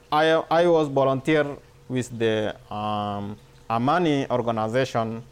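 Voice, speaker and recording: Sudanese guy telling his life story, slow careful learner english, lots of repeated words, sudanese accent. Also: mid-range voice, clear, resonant tone. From Darfur, Sudan. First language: not English. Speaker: refugee volunteer, former farmer.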